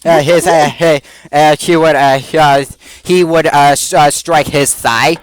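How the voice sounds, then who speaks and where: A man's voice: a little high, fairly even intonation, unhurried, clear, resonant tone, no room sound. A man playing a tabletop role-play game who describes his character's actions hesitantly, with many fillers and restarts. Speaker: player.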